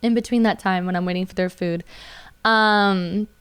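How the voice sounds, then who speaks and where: A woman's voice: mid-range voice, fairly even intonation, normal speed, a bit bright, clear, resonant tone. A young adult woman, a waitress, chatting as a podcast guest and telling stories with lots of fillers. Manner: chatty storyteller with many fillers and likes. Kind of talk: casual podcast chat, storytelling.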